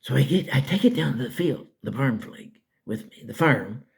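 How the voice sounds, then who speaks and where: An older man from Canada telling a folksy, rambling childhood story in a casual, lively way. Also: mid-range voice, fairly quick, gravelly, husky. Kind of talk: casual spoken memoir.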